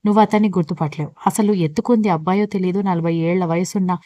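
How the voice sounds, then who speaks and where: A doubting, matter-of-fact young friend, as a woman narrator reads her. Lowish voice, dry and slightly dull in tone. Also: steady tone, fast, mellow, dry recording, close to an everyday voice.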